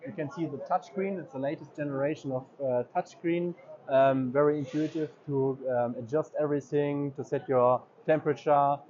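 Hesitating often with ums and uhs, a man representing an equipment dealer gives a tour of his booth at a trade fair. He has a warm, mid-range voice, and the recording from the big indoor exhibition hall is slightly dull, with faint background noise.

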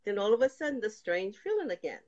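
A woman's voice: mid-range voice, big pitch swings, fast talker, a little mellow. An older woman giving a personal faith testimony as a guest, telling her story and acting out past conversations. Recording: slightly dull lo-fi sound.

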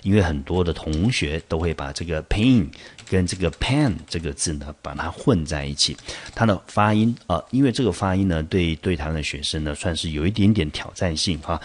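A man from Taiwan teaching English vocabulary, explaining patiently with many rhetorical questions and reading English examples slowly. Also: deep voice, animated. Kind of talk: vocabulary lesson.

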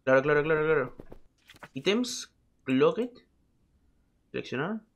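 A man commenting casually on a game he is playing, excitable, repeating words in quick bursts and yelling when startled. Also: on the high side. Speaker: gaming streamer.

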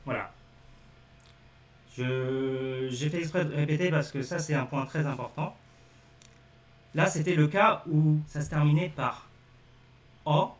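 A man's voice: fairly high pitch, a little slow, pauses often, far from the mic. A man teaching a live-streamed lesson, explaining step by step and repeating key points straight to his viewers. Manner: repetitive step-by-step explaining, addresses viewers directly. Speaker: language teacher. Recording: echoey room, speaking away from the mic.

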